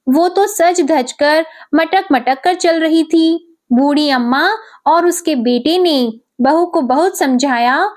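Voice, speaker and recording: Woman storyteller, devotional tale, high voice, slow measured reading. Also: a little mellow.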